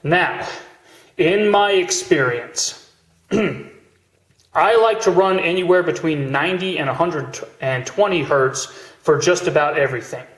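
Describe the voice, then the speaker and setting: A man's voice: a little high, takes it slowly, roomy sound, low-quality recording. A man giving an informal hands-on welding tutorial, explaining each step casually, with machine noise behind him. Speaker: welding instructor. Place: room or workshop beside welding machine. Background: steady welding machine noise.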